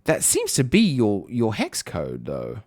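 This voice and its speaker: A chatty man chatting with his stream audience, his low voice rising and falling a lot. The sound is close and dry, with no room around it. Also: huge pitch swings, unhurried, darkish tone, no echo. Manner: chatty, reads chat messages aloud, frequent fillers. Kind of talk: casual chat with viewers.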